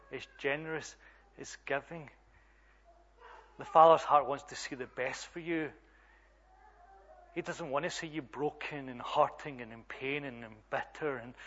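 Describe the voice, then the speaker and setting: A man's voice: medium pitch, fairly bright tone. A man preaching a sermon, telling a story and rising to emphatic appeals, in a dull lo-fi recording.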